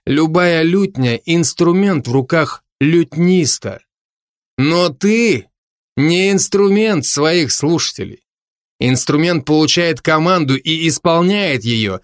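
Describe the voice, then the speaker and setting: Guy doing a wise old bard teacher, slow and sly, kinda lecturing. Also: fairly high pitch, no echo, clean studio sound, voice pushed up.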